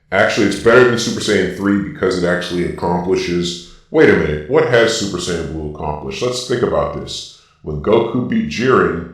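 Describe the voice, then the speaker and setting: Speaking low through a robotic filter, this male video host plays a Vader-style dark lord who lays out emphatic, opinionated takes while ranking anime transformations. The sound is distant and heavily echoey.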